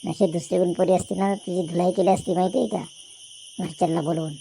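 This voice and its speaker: A voice actor playing an excitable older village man who talks loudly and fusses over his young friend in a cartoon. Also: fast, creaky, slight background noise, natural voice. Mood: consoling. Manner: loud, high, fussing questions. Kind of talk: cartoon voice acting.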